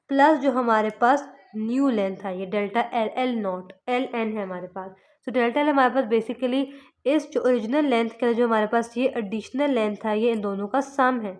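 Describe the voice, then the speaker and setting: A woman physics teacher from Pakistan giving a lecture, explaining step by step and slowing down to spell out formulas. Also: a little high. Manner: explains step by step, mixing English terms into Urdu.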